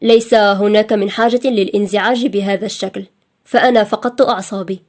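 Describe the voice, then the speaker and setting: A woman's voice: medium pitch, steady tone, fairly quick, close to an everyday voice. A woman voicing a stern male boss who talks coldly and firmly. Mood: soft. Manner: cold, firm. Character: stern, cold male boss, gentle underneath.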